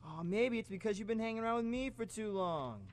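Man playing Spider-Man, high, animated wisecracking hero. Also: brisk, in a large hall. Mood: amused. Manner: chatty, sarcastic, animated. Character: Spider-Man, cocky wisecracking young male superhero. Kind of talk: amateur superhero radio play acting.

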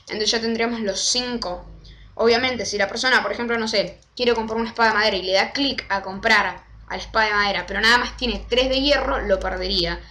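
A young woman, casually walking through a game tutorial step by step and slowing down to spell out commands. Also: a little high, fairly even intonation, sharp tone. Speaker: Minecraft tutorial creator. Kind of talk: casual screen-recorded tutorial.

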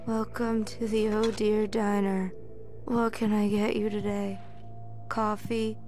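A woman's voice: mid-range voice, little pitch movement, takes it slowly, darkish tone, faint music behind, lightly acted. A woman voicing a sweet, dazed young waitress in a video game, courteous and dreamy, eager to please. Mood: polite.

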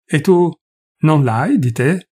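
Playful mocking lady of society, lighter raised voice, husky edge, audiobook story, man doing her. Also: on the high side, animated, takes it slowly, darkish tone, pitched above the performer's own voice, exaggerated voice. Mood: teasing. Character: teasing flirtatious noblewoman, playful.

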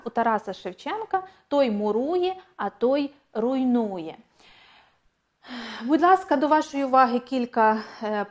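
Her slightly high voice carries an online language lesson aimed at exam preparation. The teacher speaks clearly and goes over the key points more than once to stress them.

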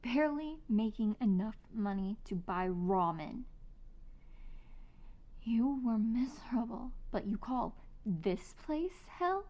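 Woman acting sweetly obsessive yandere, high ASMR role-play. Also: big pitch swings, dull audio. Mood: menacing, controlling. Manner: sweet, eerily obsessive, slow teasing delivery. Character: possessive, teasing, sadistic yandere woman captor.

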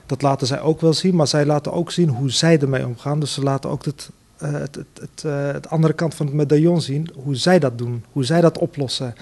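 A man, a theater director, answering interview questions earnestly with many pauses and fillers. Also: a little high, fairly even intonation, a little mellow.

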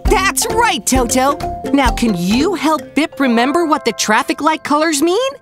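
Kids' cartoon: an upbeat panda teacher, slow and animated, asks viewers questions, music under. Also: male voice, extremely high pitch. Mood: cheerful. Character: kindly panda doctor teacher, patient and upbeat. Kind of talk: children's cartoon narration. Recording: voice over loud background music.

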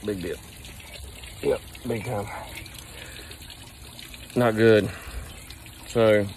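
Standing outdoors next to a brick building, a plumbing company owner films a casual selfie vlog with his phone at arm's length while nursing a back sore from heavy lifting. He talks in a somewhat low voice, relaxed and rambling, with plenty of fillers. Slight background noise, faint outdoor sounds and the odd bird call can be heard.

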